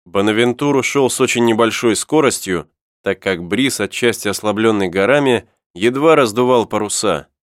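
A man narrating an adventure novel as an audiobook, with even, steady storytelling. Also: fairly low pitch, normal speed, no room sound, clean studio sound. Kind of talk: scripted narration.

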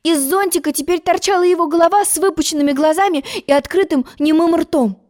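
A woman reading a children's story aloud in an expressive storytelling manner. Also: very high-pitched, a little fast.

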